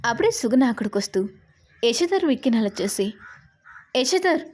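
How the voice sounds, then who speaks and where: A woman tells a dramatic serial story at an even pace. Her voice is soft and mellow and sits slightly high. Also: quick pace, slightly rough.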